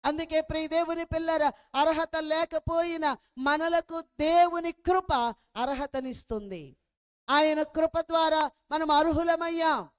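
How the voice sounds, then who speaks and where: A woman's voice: high voice, fairly even intonation, a little slow. A woman preacher telling a story in a sermon. She keeps asking her listeners questions and calls them beloved children of God. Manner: asks the listeners rhetorical questions.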